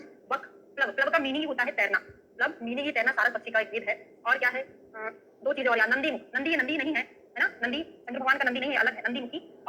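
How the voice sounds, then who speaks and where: Brief: woman lecturer, bright, fairly high voice, checks in with the class, uses memory tricks. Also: slight background noise, low-quality recording. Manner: asks students questions and checks with "है ना?"; memory tricks and everyday examples. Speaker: Ayurveda teacher. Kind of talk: online exam-prep lecture.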